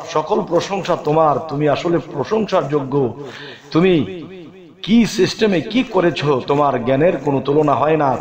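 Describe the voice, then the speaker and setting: A middle-aged man delivers a devotional sermon with a somewhat high voice. He asks the listeners rhetorical questions and recites prayers in a rising, emphatic tone. A crowd murmurs clearly in the background. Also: highs cut off. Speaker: spiritual preacher.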